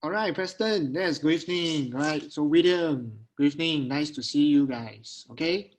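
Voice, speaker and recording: Singlish-speaking Singaporean man, higher-pitched voice. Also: normal speed, rough recording. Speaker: investment webinar host. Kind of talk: casual live webinar talk to online attendees. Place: at home on a video call.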